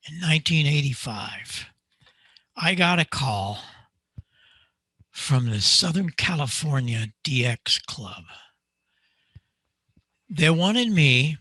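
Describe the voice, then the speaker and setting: A man's voice: on the high side, slightly rough, no echo. An older man who builds microphones, presenting to a club over a video call and quizzing himself with rhetorical questions. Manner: lively demonstrator, asks himself rhetorical questions. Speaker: guest speaker, microphone maker. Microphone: video call mic.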